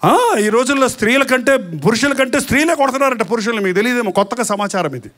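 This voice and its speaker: A man preaches in a strikingly high voice. He speaks with animated energy, firing rhetorical questions and acting out quarrels as he preaches. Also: quick pace. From India. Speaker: pastor. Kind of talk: sermon.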